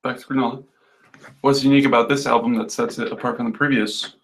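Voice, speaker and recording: Gravelly man cracking dry jokes. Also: mid-range voice, steady tone, quick pace. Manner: dry, joking, self-mocking. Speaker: band member on a studio livestream. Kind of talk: casual livestream chat. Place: recording studio with drums being tracked. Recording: noisy studio livestream.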